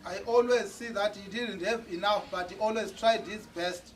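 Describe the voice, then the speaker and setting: A man's voice: high-pitched, fairly even intonation, moderate pace. A man interpreting a church testimony line by line, sometimes hesitating and repeating words. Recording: distant mic with noise.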